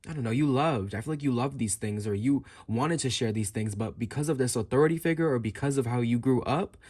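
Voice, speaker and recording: A man's voice: mid-range voice, brisk, a little mellow. A man giving a fortune teller's improvised tarot reading straight to the listener, musing and circling back to repeat and rephrase his phrases. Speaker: tarot card reader.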